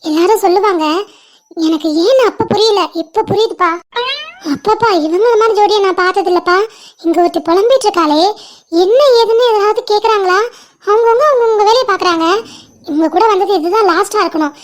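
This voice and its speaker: A lonely, sulking young woman in a cartoon, as a woman voices her. Her very high voice whines and grumbles at her friends and their sweethearts. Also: a little fast. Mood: grumbling. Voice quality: whiny and grumbling. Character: sulky lonely young woman missing her faraway lover. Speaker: friend on an outing. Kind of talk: animated cartoon voice acting.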